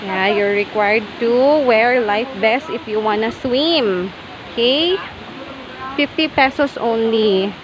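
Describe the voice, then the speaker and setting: A woman's voice: a little high, dull audio. A woman vlogging casually while walking outdoors at waterfalls, chatty and exclaiming, laughing often. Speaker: travel vlogger. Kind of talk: casual travel vlog narration. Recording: loud rushing waterfall noise outdoors.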